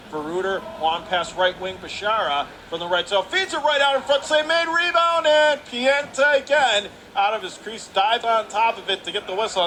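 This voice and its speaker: An American man calls a hockey game live on radio, his voice pitched high, pushed and bright. Noisy arena ambience and ice rink sounds fill the background.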